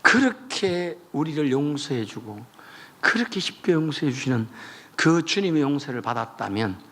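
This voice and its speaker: Lively pastor preaching a revival. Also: male voice, fairly high pitch, normal speed. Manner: animated storytelling, acts out voices. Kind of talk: revival sermon.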